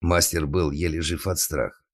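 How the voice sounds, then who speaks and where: A man narrating an audiobook in an ironic, even storytelling manner. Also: very deep voice, normal speed, no echo, studio quality.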